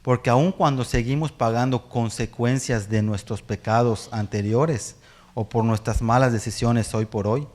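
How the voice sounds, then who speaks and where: A man preaching with a Mexican accent, his voice sitting at an ordinary middle pitch. He tells stories about his family in an animated way, laughs often, and acts out what his son said. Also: a little slow. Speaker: pastor. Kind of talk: sermon with personal storytelling.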